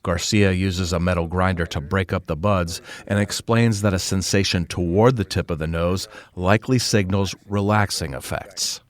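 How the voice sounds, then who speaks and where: A man's voice: sits low, steady tone, moderate pace, few pauses. A man reading scripted feature narration as a reporter.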